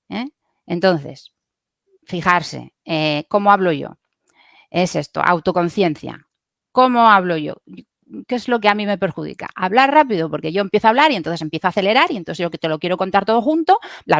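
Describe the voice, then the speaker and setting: A woman's voice: medium pitch, dry recording, clean studio sound. A woman speech therapist, patiently explaining how the voice works and demonstrating sounds as a podcast guest.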